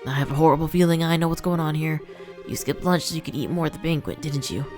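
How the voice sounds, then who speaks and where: A woman's voice: low-pitched, steady tone, quick pace, a little mellow, faint music behind, lightly acted. A woman voicing a brash, impatient young male reporter who scolds and hurries people along. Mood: scolding.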